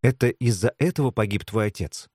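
A man's voice: on the low side, darkish tone, no room sound, studio quality, close to an everyday voice. A man reading an audiobook, voicing a curious, pushy teenage girl who asks blunt, probing questions. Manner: probing and blunt, at times slow and deliberate. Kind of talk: audiobook character voice.

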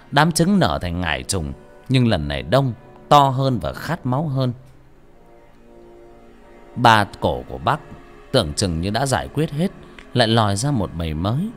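A man narrating a fantasy story in an expressive, dramatic way. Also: lowish voice. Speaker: audiobook narrator. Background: faint music.

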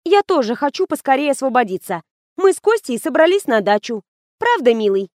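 A sharp, jealous young makeup artist who snaps at her rival and frets in a raised voice, as a woman reader puts her on. The sound is dry and close. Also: high-pitched, very animated, a little fast, no room sound, voice pushed up. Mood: eager. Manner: sharp, scolding and anxious.

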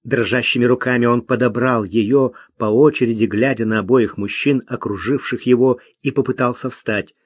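A man reading an audiobook in a measured, even narration. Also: medium pitch, slightly rough, no room sound, highs cut off.

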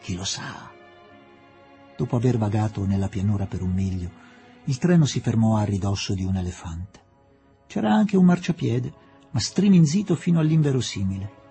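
A male narrator reading a novel aloud with wide, lively swings of pitch and a warm, mellow tone. His delivery is dramatic and varied, leaning into each image of the story. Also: vocal fry. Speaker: audiobook reader. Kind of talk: expressive literary narration.

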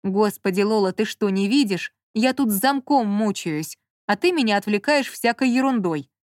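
Женщина в аудиокниге читает реплики ворчливого раздражённого мужчины, занятого делом. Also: female voice, mid-range voice, lively intonation, moderate pace, no echo, clean studio sound, natural voice. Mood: irritated. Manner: grumbling, irritable, muttering. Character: grumpy man absorbed in work, snappish. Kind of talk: audiobook character reading.

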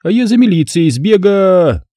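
Man doing a scheming young woman, high sneering voice, taunting, swings widely, dry close sound. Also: sing-song, unhurried, warm tone, dry recording, exaggerated voice. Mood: gloating mockery. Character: spiteful scheming young woman, mocking and shrill.

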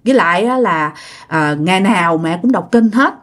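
A woman's voice: on the low side, expressive, moderate pace. A woman with a Southern Vietnamese accent telling a ghost story in a casual, chatty way, talking straight to her listeners. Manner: chatty, addresses listeners directly.

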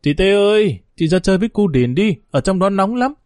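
A small, innocent village boy , voiced by a man, chirps in a raised, childlike pitch. He sounds pleading and playful, and the recording is dry and close. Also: expressive, fairly quick, darkish tone, dry recording.

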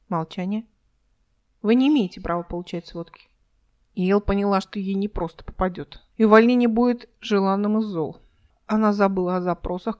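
A woman's voice: mid-range voice, a little mellow. Woman reading a sci-fi audiobook. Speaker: author reading her own audiobook. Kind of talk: scripted audiobook narration.

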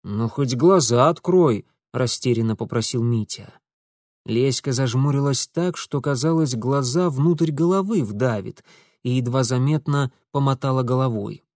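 A man narrating an audiobook in an expressive storytelling manner. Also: medium pitch, moderate pace, no room sound, studio quality.

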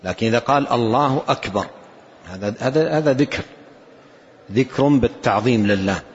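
A man's voice: mid-range voice, brisk. Older Saudi man explaining religious text. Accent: Saudi Arabian. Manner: repeats key phrases for emphasis. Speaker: Islamic scholar giving a lesson. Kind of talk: religious lesson commentary. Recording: dull lo-fi lecture recording.

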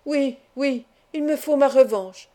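A man's voice: very high voice, unhurried, dark tone, voice pushed up. A woman reading the part of an anxious, despairing male banker who is losing at the casino, in a storybook narration. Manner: tense, despairing. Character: anxious ruined male banker, middle-aged.

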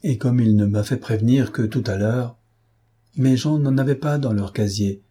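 A man's voice: mid-range voice, normal speed, warm tone, husky, close to an everyday voice. A man voicing a courteous, self-assured head butler. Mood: reassuring.

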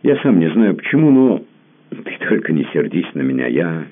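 A man doing a lovestruck jealous gentleman. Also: low voice, very animated, normal speed, pitched above the performer's own voice. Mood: pleading. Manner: pleading, earnest. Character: infatuated jealous man, pleading and tender. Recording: tinny phone-like sound.

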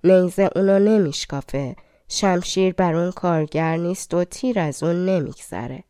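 A woman's voice: lowish voice, warm tone, no room sound, studio quality, close to an everyday voice. A woman voicing a solemn goddess who gives a hero grave warnings and advice.

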